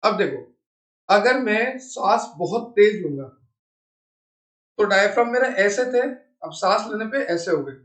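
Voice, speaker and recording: A man's voice: high-pitched, expressive, a little slow, long pauses, fairly bright tone, reverberant. A man teaching biology in a classroom lecture, mixing in English textbook terms and asking checking questions.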